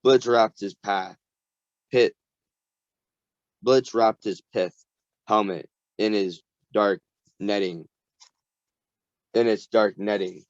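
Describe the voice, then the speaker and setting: Slow, low-voiced man reading aloud. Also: fairly even intonation, dry recording. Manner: careful reading, stumbles over hard words and restarts. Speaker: reader. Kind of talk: reading a novel aloud to a group. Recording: dull lo-fi recording.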